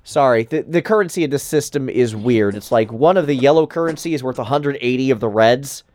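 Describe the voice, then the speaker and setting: A man's voice: mid-range voice, brisk, a little mellow. A man co-hosting a casual gaming podcast, frank, thinking aloud as he works through numbers. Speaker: podcast co-host.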